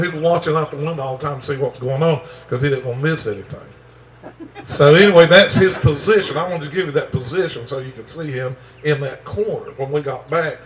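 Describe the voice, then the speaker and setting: A man spins a folksy yarn, chuckling as he drawls out each line. His voice sits fairly high and lands a little away from the mic. A faint hum of the room stays behind him. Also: recorded from a distance, low-quality recording. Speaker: storyteller. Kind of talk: folksy storytelling.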